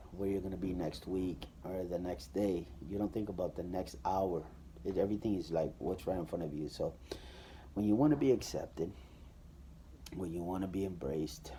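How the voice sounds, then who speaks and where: A man's voice: low-pitched, mellow, a little hiss or hum. A man giving a personal testimony in a casual, conversational way, with plenty of fillers and restarts.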